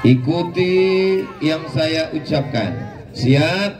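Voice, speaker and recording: A man preaching at a large outdoor rally, shouting rhetorical questions and leading the crowd in call-and-response. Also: fairly high pitch, very slow, over music. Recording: echoey public address heard from far off.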